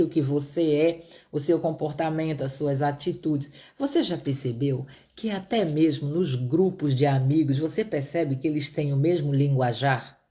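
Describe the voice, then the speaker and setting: A middle-aged woman from Brazil's Northeast (Piauí), with a Pará accent, teaches on a Bible proverb in a conversational way. Her voice is low-pitched and dark, and she repeats points and keeps asking listeners "né?".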